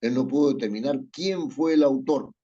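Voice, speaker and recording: A man's voice: mid-range voice, moderate pace, dark tone. Man teaching punctuation over a muffled call. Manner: dictates punctuation aloud, checks with "¿no es cierto?". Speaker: writing teacher. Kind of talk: online class, reading and correcting a text.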